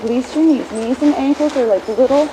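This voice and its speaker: A riding instructor, a woman with a high-pitched voice, barks out brisk, projected directions in a live lesson amid plainly noisy ambience. She corrects and guides, offering quick explanations along the way.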